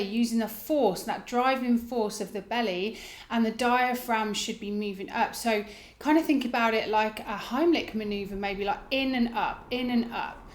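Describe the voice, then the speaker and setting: A woman with a fairly high voice gives breathwork instruction in an informal, explanatory style. She guides gently, letting her phrases end softly. The recording is roomy, with a clear echo around her voice. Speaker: yoga breathwork teacher. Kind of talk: instructional demonstration, casual explaining. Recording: roomy, echoing indoor sound.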